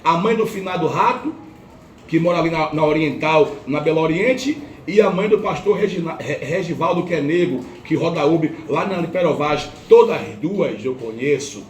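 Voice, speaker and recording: A man's voice: on the high side, expressive, moderate pace. A man with a Brazilian Portuguese accent giving an impassioned church testimony at a home worship gathering. He repeats phrases for effect and acts out the voices of others. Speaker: lay preacher giving testimony. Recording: roomy, distant, faint noise.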